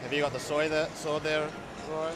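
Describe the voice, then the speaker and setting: On a crowded, noisy game expo show floor, a man casually talks through a game he's demonstrating, relaxed and informal. He speaks at a moderate pace in a fairly high, flat voice.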